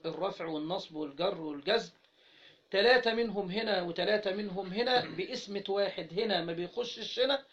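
A fairly high-pitched man with an Egyptian Arabic accent teaches grammar, leaving gaps for his students to fill and drawing out example words slowly. The recording is dull and lo-fi. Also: a bit bright. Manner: prompts students to finish his sentences. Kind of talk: interactive grammar lesson.

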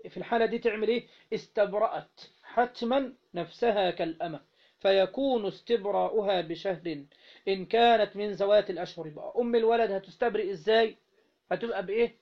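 Egyptian guy teaching a class, high voice, keeps asking students to fill in the word, muffled lo-fi audio. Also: vocal fry. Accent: Egyptian Arabic. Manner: keeps prompting students with questions, has them fill in words. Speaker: teacher of Islamic jurisprudence. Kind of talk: classroom lesson reading a text aloud and explaining it. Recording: dull lo-fi recording.

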